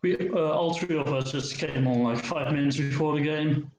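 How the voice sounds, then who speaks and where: A man's voice: fairly high pitch, steady tone, a loud crowd. Man with a cave-like echo. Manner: halting, repeats words while answering. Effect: echoey cave-like sound on his voice. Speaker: esports player interviewed as match MVP. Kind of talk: casual post-match interview. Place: living room. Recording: roomy echo over an online call.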